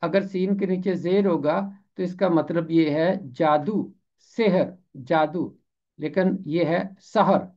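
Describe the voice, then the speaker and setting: A man with a fairly high, steady, mellow voice teaches how words are pronounced and what they mean, saying each term slowly and carefully and repeating it for clarity. The recording sounds muffled.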